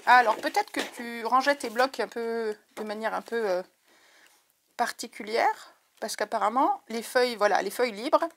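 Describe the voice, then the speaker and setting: Speaking through a headset with a faint hiss or hum in the audio, a crafting vlogger chats to viewers during an excited unboxing. Her voice is a little high and fairly bright. She's so overexcited her heart is pounding, and she keeps gushing and repeating herself.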